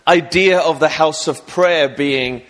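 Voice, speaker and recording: A man's voice: on the high side, takes it slowly, fairly bright tone, soft background music. A man from England preaching at a church service, speaking German hesitantly with many fillers, then in English for an interpreter. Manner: rises to an emphatic, raised preaching voice in English. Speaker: guest preacher. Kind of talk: sermon with live interpreter.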